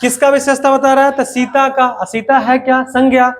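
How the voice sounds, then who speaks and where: A man's voice: extremely high pitch, flat delivery, normal speed. A man teaching a grammar lesson to students, repeating points and asking questions that he answers himself, with playful asides.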